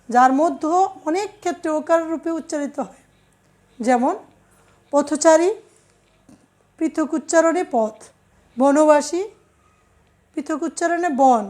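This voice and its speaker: A woman teacher giving an online grammar lesson, slowly and deliberately reading out lists of example words. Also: sits high, a little mellow.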